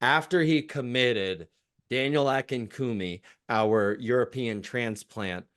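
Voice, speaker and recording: A man's voice: mid-range voice, takes it slowly, a bit bright, smooth. A man co-hosting a sports podcast, chatting casually and animatedly about college football recruiting. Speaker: podcast co-host.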